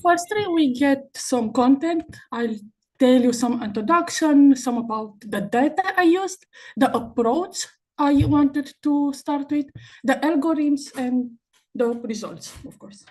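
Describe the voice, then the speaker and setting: A woman's voice: high voice, slow pace, darkish tone, poor audio. A young woman, a master's student, giving a conference presentation over a video call, hesitant and full of uh fillers and restarts. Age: young adult. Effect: remote speaker on a video call.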